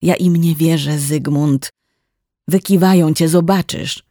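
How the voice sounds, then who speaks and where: Narrator playing a firm, earnest wife in a storybook, gravelly voice, dry close sound. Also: mid-range voice, measured pace, no room sound. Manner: calm, then firm and warning. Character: woman doctor nearing forty, steady wife.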